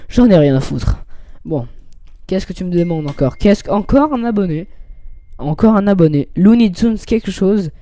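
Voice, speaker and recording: A man's voice: high voice, lively intonation, normal speed, mellow, dry recording. Chatty young man narrating gameplay. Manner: chatty, rambling, reads game text aloud. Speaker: gaming youtuber. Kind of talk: casual gameplay commentary.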